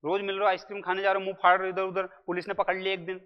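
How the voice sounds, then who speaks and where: Male tutor, high voice, chatty exam-prep lecture style; dull audio with long reverb. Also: completely flat delivery, racing, clear, resonant tone. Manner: chatty, jokey, addresses students as brother. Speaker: Hindi grammar teacher. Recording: muffled lo-fi audio in a reverberant room.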